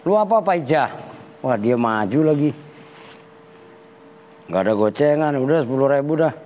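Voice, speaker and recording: A man with a Betawi Jakarta Malay accent, a kyai, teaches Arabic grammar to his students in a casual, slangy, teasing way full of banter. His medium-pitched voice has lively intonation, a moderate pace and a darkish tone. The audio is dull, recorded in a reverberant hall with faint background noise.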